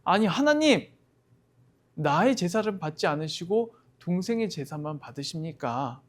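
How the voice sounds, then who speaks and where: A man's voice: fairly high pitch, very animated, measured pace. A man voicing a jealous, angry young older brother who talks back brazenly, in a Bible story told to children. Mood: indignant. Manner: indignant, brazen.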